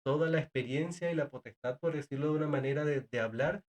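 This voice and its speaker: His voice is on the high side with a darkish tone and a quick pace. As a guest in a relaxed conversation, this man, a sign language interpreter and teacher of deaf students, talks earnestly, stumbling into frequent hesitations and repeated words.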